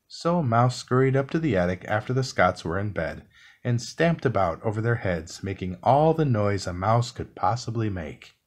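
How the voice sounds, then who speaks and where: A man reading a children's book aloud as calm bedtime narration, soft and unhurried. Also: fairly low pitch. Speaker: storybook reader.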